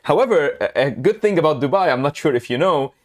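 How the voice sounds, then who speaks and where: A man from Lebanon hosting a casual interview, talking in a halting way with lots of fillers and frequent laughs. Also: on the high side, lively intonation. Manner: hesitant, many fillers, laughs often. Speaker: host.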